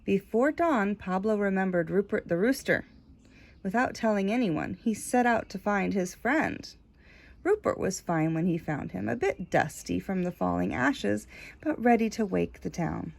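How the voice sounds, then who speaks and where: Her mid-range voice is animated and carries some vocal fry as she reads a children's story at a measured pace. She stretches important words for emphasis and adds the occasional casual aside.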